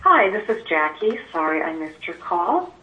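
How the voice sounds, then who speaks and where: A woman's voicemail greeting comes down a landline phone, polite and recited, her low voice rising and falling with a lively lilt. The line is thin and muffled, and she sounds set back from the receiver. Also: normal speed, recorded from a distance. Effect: recorded voicemail greeting heard over a landline phone. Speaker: answering-machine greeting.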